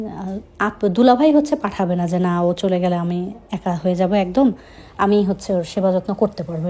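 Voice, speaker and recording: Soft-toned young woman telling her story. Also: medium pitch. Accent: Chittagong Bengali. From Chittagong, Bangladesh. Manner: conversational, with frequent hesitations. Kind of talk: first-person storytelling.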